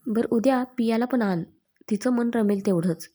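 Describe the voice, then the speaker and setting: A woman voicing a young man, a gentle, teasing fiancé, speaking lower than her own voice. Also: moderate pace, natural voice. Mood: affectionate. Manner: affectionate, playful teasing.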